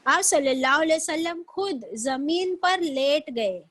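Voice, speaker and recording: Woman, religious teacher, high pitch, gentle storytelling, video call. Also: expressive, dry recording. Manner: gentle, slow storytelling with pious phrases.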